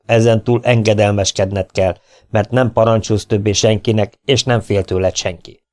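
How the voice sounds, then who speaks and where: A man reading the lines of a calm, unshakable lawman in an audiobook, firm and deliberate. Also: on the low side, lightly acted. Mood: stern.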